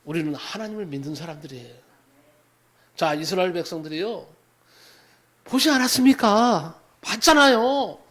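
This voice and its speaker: Man, pastor, high voice, dramatic sermon, loud pleas and quiet asides. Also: expressive, moderate pace, long pauses. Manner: dramatic preaching, swings from loud exhortation to hushed asides.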